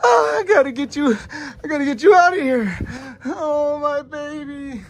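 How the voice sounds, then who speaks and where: A man's voice: high-pitched, animated, moderate pace, husky. A man in his thirties playing a casual, colloquial young father in an amateur family fantasy skit. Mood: wailing panic. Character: young dad humoring then panicking over his daughter.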